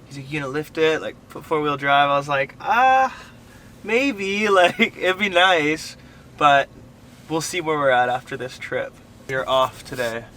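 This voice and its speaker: A man's voice: a little high, moderate pace, bright, forceful tone, slight background noise. Joking young man in a van. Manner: joking, playful teasing. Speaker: van life vlogger. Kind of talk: casual banter while driving. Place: inside a moving van.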